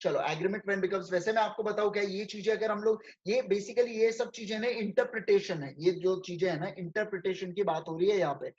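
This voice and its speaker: A man lecturing with an Indian accent, reading English definitions slowly and explaining them in chatty Hindi full of rhetorical questions, calling his students friends. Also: sits high, darkish tone, lo-fi sound. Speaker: chartered accountancy lecturer.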